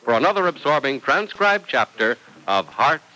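A man's voice: mid-range voice, big pitch swings, moderate pace, sharp tone, rough recording. A man speaking as an old radio announcer, reading scripted narration and ads with emphatic, dramatic salesmanship. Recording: old radio broadcast recording.

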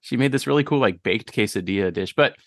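A man's voice: on the low side, quick pace, no room sound. Man hosting a podcast, dry close sound. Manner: friendly, interviewing, riffing on guest's stories. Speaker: podcast host. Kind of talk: casual chat.

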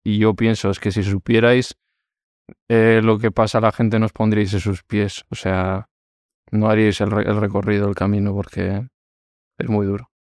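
Male podcast host, low voice, relaxed and supportive questioning. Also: moderate pace, no echo, studio quality. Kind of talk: interview questions and brief backchannels.

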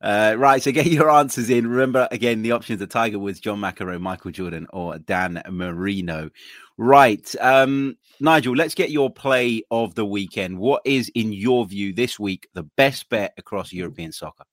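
A man's voice: lowish voice, moderate pace, a bit bright, no room sound, studio quality. An English man hosting a betting podcast, reading quiz options and moving the show along. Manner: runs the quiz and steers the segments. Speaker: podcast host.

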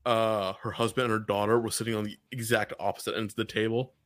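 A man co-hosting a casual podcast chat, cracking quick jokes and chuckling. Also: on the low side, level tone, fairly bright tone, no echo. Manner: joking, quick asides, chuckles often. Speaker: podcast co-host.

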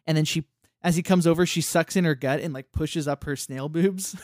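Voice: medium pitch, brisk, darkish tone, dry recording. A podcast co-host casually recapping a cartoon episode, rambling with lots of "like" and acting out quoted lines. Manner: rambling, many "like" fillers.

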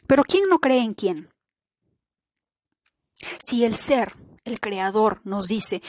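A woman's voice: medium pitch, breathy edge, dry recording, studio quality. Earnest woman asking rhetorical questions. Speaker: podcast host. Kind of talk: reflective spiritual podcast talk.

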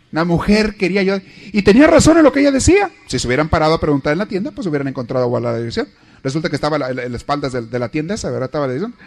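Guy teaching a marriage class, jokes a lot, acts out little scenes, kinda high voice for a man. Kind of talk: lively lecture.

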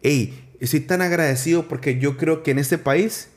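Chatty Colombian-born man hosting a podcast. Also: fairly high pitch. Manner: chatty, quick restarts, acts out quotes. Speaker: podcast host. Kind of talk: casual interview chat.

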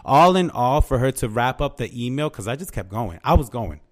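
A man's voice: mid-range voice, brisk. Sassy, foul-mouthed man ranting casually. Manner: profane, slangy, sassy; animated storytelling, acting out quoted exchanges. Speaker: podcast host. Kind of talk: casual ranting monologue to listeners.

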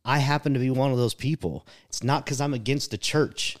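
In a brisk, mid-range voice, this co-host takes part in a relaxed podcast chat. He reflects on things with emphasis, using "like" and "right?" to hammer home what he means.

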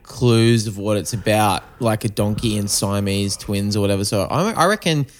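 A man's voice: fairly low pitch, moderate pace, slight background noise. A man, a comedian, chatting on a podcast and teasing the others. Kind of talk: casual podcast banter.

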